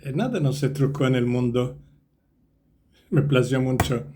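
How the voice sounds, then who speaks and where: A man with a Ladino accent telling a folk tale in a gentle, unhurried way. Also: mid-range voice, a little hiss or hum. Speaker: storyteller. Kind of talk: folk tale told aloud.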